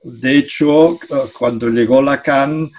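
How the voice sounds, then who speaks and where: Speaking Spanish with a Catalan accent, this older psychology professor from Catalonia is the guest in a relaxed conversational interview, calling in on a webcam from his home study. His voice is medium-pitched, darkish and steady, his delivery slow and tentative, with repeated words and laughs scattered between phrases.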